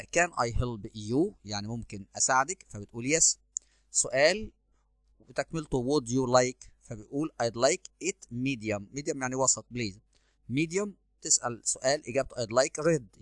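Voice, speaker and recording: A man with an Egyptian Arabic accent, working through English exam answers as a teacher. He reads the English slowly, then explains fast in Arabic. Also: medium pitch, a bit bright, dry recording.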